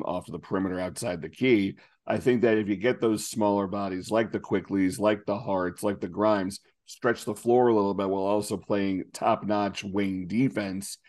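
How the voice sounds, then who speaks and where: Man, podcast co-host, low voice, easygoing chat. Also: a little mellow.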